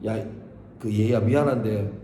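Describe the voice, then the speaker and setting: A preacher voicing a weary blind strongman, low and pleading. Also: measured pace, warm tone, a little hiss or hum, close to an everyday voice. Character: blind weary male strongman asking a boy for help. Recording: echoey hall.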